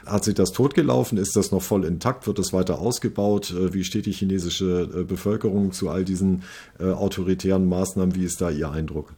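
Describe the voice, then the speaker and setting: A man's voice: low-pitched, fairly even intonation, a little fast, mellow, slightly rough. A man conducting an interview, asking long conversational questions with many fillers. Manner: conversational, thinking aloud with fillers.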